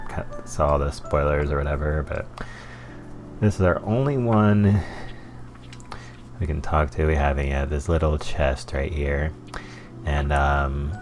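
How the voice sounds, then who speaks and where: A man hosting a game playthrough with casual commentary and wry muttered asides. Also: a bass voice. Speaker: gaming playthrough host.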